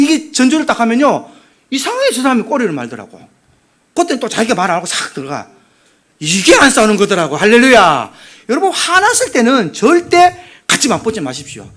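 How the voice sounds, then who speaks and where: A male pastor with a Gyeongsang accent, preaching a sermon with humor and questions put to the congregation. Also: extremely high pitch. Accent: Gyeongsang Korean. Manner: lively preaching, asking the congregation questions, humorous personal stories.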